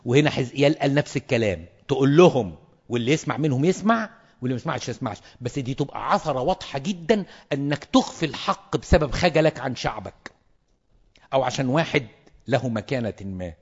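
A man's voice: medium pitch, animated, quick pace, breathy edge. Man, Egyptian Arabic accent, clergy lecture, emphatic repetition, dull echoey hall recording. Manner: emphatic, repeats words for stress. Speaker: clergyman teaching priests.

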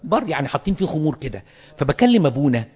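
A man's voice: a little high, sing-song, rapid-fire, darkish tone, breathy edge, in a large hall, dull audio. A man with an Egyptian Arabic accent gives a pastoral lecture to fellow priests and stresses points by repeating words. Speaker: clergyman teaching priests.

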